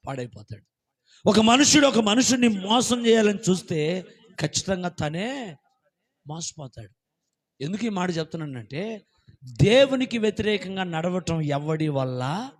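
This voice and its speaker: A man pastor preaching a sermon in church, swinging from shouted, fervent peaks down to quiet, hushed lows.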